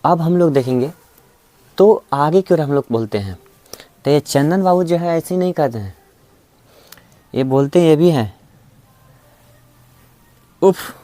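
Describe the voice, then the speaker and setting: A man's voice: a little high, animated, moderate pace, pauses often, mellow, dry recording. Male classroom teacher, coaxing lecture delivery, dry close mic. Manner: coaxing, repeats "है ना" and "ठीक है". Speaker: reasoning teacher. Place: classroom with students present, also streamed online.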